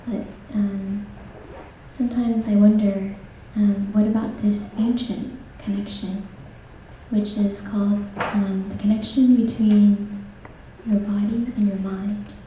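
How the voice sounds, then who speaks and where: A woman gives a gentle talk to an audience, slow and pausing often. Her voice is very dark and mellow. She sounds a little far from the mic in a very echoey hall. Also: mid-range voice, level tone, a little hiss or hum. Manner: gentle, unhurried, frequent "um"s. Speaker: speaker at a talk. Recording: roomy hall, speaker off-mic.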